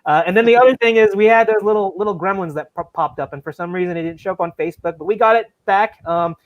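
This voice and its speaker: A man's voice: high-pitched, quick pace, dry recording, highs cut off. A man hosting a casual podcast chat, rambling with many fillers and apologies. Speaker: podcast host. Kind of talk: casual video-call chat.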